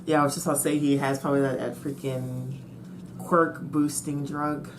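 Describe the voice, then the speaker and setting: A woman's voice: deep voice, level tone, normal speed, noisy background. A woman giving spontaneous, casual reaction commentary as she watches, with a slight lisp from a retainer. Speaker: host of an anime reaction channel.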